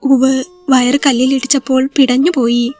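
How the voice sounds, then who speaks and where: A woman's voice: high-pitched, little pitch movement, normal speed, darkish tone. A woman voicing a young injured wife who asks anxious, pleading questions in a spoken story. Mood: tearful.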